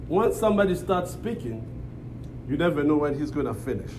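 A man's voice: fairly high pitch, very animated, fairly quick. A man from Congo with a Congolese accent, speaking English as a second language, preaching as a visiting pastor and calling for amens. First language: not English. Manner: repeats phrases, calls for amens. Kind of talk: church preaching and prayer with call-and-response. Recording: noisy live church room.

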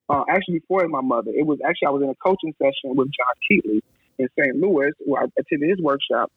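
A man telling his story over a phone-like line, his slightly high, husky voice jumping up whenever he acts out what others said. The sound is dry and narrow, with no room around it. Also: dry recording. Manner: animated, acts out quoted dialogue. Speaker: photographer, guest. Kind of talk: casual storytelling.

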